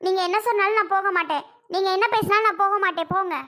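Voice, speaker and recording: A woman playing a stubborn young wife who angrily refuses to go back, snapping sharp retorts. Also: very high voice, fairly even intonation, racing. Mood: defiant.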